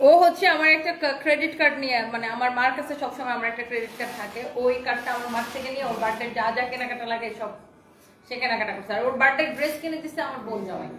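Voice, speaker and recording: High-voiced woman doing a live saree sale, chatty and eager, roomy echo. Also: very fast, a bit bright, slight background noise. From Bangladesh. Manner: chatty, enthusiastic sales patter. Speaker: online saree seller hosting a live stream. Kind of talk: live sales stream, reading viewer comments aloud.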